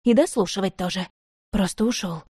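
Female audiobook narrator, calm and measured, mellow dark tone, dry close sound. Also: medium pitch, slightly rough, dry recording. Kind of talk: scripted narration.

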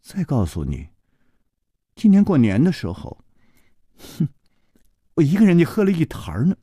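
A man voicing a coy, husky young woman. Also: a little high, huge pitch swings, normal speed, dry recording, studio quality, pitched above the performer's own voice, full character voice. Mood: teasing. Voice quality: soft, husky and hushed, often near a whisper. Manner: teasing, coy.

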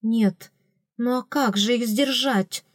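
A woman reading a first-person fantasy audiobook in an expressive manner, voicing characters with raised pitch. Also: slow pace, dry recording, studio quality. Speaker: audiobook narrator.

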